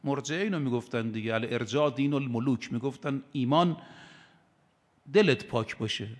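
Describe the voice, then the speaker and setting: Emphatic preacher man in a reverberant hall. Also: medium pitch. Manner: emphatic, shifts between raised exhortation and soft asides. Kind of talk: religious sermon.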